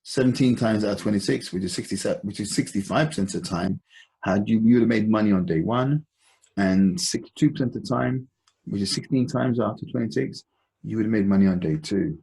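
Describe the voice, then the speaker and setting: On a rough recording, a man with a lowish, creaky, darkish voice hosts an investment call. He presents an informal stock analysis in a conversational way, halting and deliberate as he explains.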